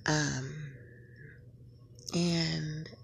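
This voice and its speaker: A woman in her late 20s opens her own casual solo podcast, rambling, frequently correcting herself, and laughing at her slips. Her voice is deep and creaky, with a steady tone and a very slow pace, and there's a little hiss or hum in the recording.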